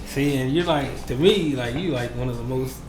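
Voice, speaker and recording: A man's voice: mid-range voice, moderate pace. A man hosting a casual interview, speaking in a slangy, conversational, buddy-like way. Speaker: interviewer and host. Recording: roomy echo with music behind.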